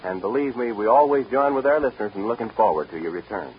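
A man's voice: on the low side, lively intonation, fast talker. A man with an American accent hosting a 1940s radio variety show from a script, folksy and courteous. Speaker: show host and bandleader. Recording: noisy, dull vintage radio broadcast.

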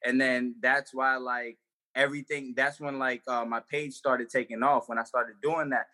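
A man's voice: mid-range voice, little pitch movement, moderate pace, bright, forceful tone. A young man, a comedian, chatting casually on a podcast in loose slang with lots of fillers and restarts. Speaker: comedian guest.

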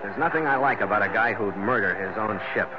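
An actor playing a tough, terse ship's skipper in a hard-boiled 1940s radio style. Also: male voice, lowish voice, a little fast, over loud music, close to an everyday voice. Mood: grim, measured. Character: tough, weary, decisive male ship's skipper. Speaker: lead actor and narrator. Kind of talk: 1940s radio acting with first-person narration. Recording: muffled, very noisy old radio recording.

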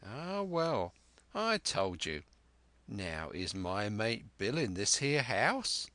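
A man's voice: on the low side, big pitch swings, slow, a bit bright, no room sound, full character voice. A man voicing a sly, menacing male pirate who is half fawning, half sneering, talking in an old sailor's dialect. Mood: wheedling.

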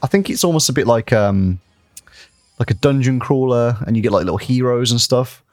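A man's voice: mid-range voice, lively intonation, a little fast, darkish tone, dry recording. A man co-hosting a podcast, chatting loosely with a lot of fillers, laughing often and swearing casually. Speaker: podcast co-host. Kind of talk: casual chat.

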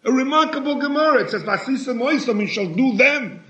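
A man giving a sermon in a halting way, often repeating words and rising in pitch for emphasis. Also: expressive, pushed and bright. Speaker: rabbi. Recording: echoey room, dull lo-fi sound.

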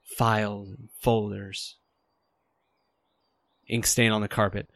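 Juno Steel, terse haunted detective, close dry sound. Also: male voice, fairly low pitch, level tone, slow, a bit bright, no echo. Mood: brooding. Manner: terse, clipped noir phrasing. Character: Juno Steel, haunted hard-boiled detective reliving childhood memories. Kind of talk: audio drama acting.

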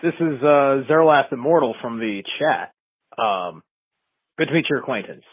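A man's voice comes through a tinny, dry phone line as he calls in to a live show. He speaks at an ordinary pitch, measured and unhurried, filling gaps with frequent "uh" and "um" while he lays out his point. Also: lively intonation, no room sound. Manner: measured, many "uh" and "um" pauses. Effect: phone-line call-in audio. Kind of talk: calling in to share a view.

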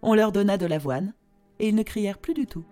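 A woman narrating a storybook tale in a slow, expressive telling. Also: mid-range voice, faint music behind.

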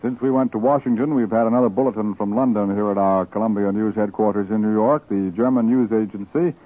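A man's voice: on the low side, fairly even intonation, fast talker. A man anchoring a network newscast, reading bulletins in a formal announcer's delivery that repeats key facts, heard as an old 1940s wartime radio broadcast. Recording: tinny narrow-band 1940s radio broadcast.

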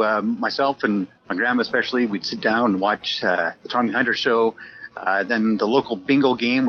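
A man from Canada, a podcast guest with a radio background, telling stories in an easygoing way with frequent pauses. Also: fairly low pitch, dull audio. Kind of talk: casual reminiscing chat.

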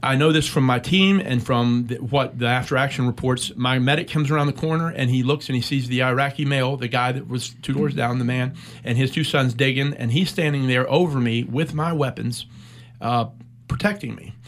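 A middle-aged American military veteran tells a personal war story during an interview. His medium-pitched voice moves at a measured, reflective pace with frequent pauses.

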